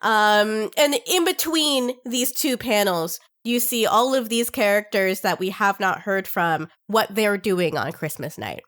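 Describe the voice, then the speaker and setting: A woman co-hosting a casual comics podcast, talking warmly and emotionally and laughing often. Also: mid-range voice, measured pace, few pauses. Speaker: podcast co-host. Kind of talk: casual chat about comics.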